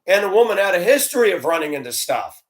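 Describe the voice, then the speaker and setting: A former school bus driver tells his own story candidly, earnest and heartfelt as he vents his frustrations. His voice sits high and has a fast, sing-song quality.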